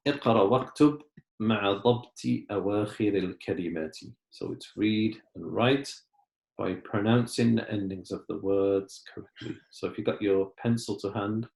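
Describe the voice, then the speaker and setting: A man's voice: fairly low pitch, darkish tone, roomy sound, a little hiss or hum. A man teaching an Arabic lesson, patiently explaining in English and Arabic. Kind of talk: online language lesson.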